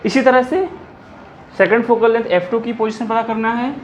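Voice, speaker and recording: A physics teacher with a mid-range voice works step by step through a derivation in a blackboard-style lecture, dictating formulas deliberately. Switching between Hindi and English technical phrases, he often pauses to ask whether it's clear. The echoey room gives dull lo-fi sound with a little hiss or hum.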